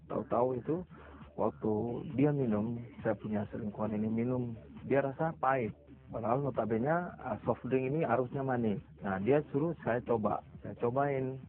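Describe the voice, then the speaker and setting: A man's voice: medium pitch, moderate pace. Confessional man, tinny phone-like sound. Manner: earnest, confessional. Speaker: testimony speaker. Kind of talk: personal testimony interview.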